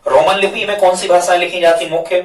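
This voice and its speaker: A man with a slightly high voice teaches a grammar lesson at a whiteboard. He patiently repeats his questions back to the students. The sound is roomy and echoey, picked up from a distance. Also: little pitch movement, quick pace. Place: classroom with a board. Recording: echoey room, mic far off.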